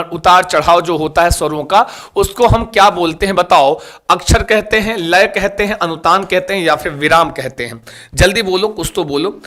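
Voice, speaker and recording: This is a high, bright, pushed male voice running a live exam-prep session online. In a coaxing, repetitive way, he questions students and keeps urging them to like and share.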